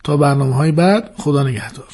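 Husky man giving radio advice. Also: fairly high pitch, darkish tone. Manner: advising, earnest teacher tone. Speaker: radio host. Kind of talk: instructive radio talk.

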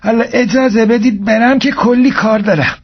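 A man doing a high, easygoing army commander. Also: steady tone, muffled recording. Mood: coaxing. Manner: easygoing, coaxing. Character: calm male army commander, easygoing and polite.

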